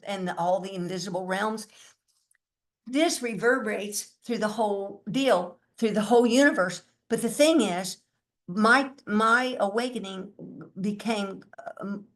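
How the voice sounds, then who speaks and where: A woman, older, giving a spiritual talk in a musing way, chanting mantras now and then. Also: mid-range voice. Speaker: spiritual teacher.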